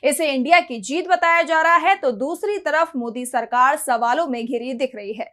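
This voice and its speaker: A woman presents the news in a high-pitched voice. She anchors from a script, setting up each report with rhetorical questions. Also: normal speed, a bit bright.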